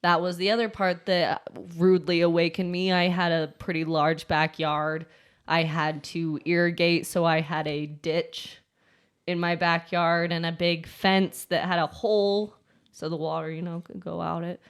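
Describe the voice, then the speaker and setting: A woman's voice: lowish voice, flat delivery, normal speed, clean tone. A woman co-hosting a casual chat show, telling a neighbor story with exasperated laughter. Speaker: podcast co-host.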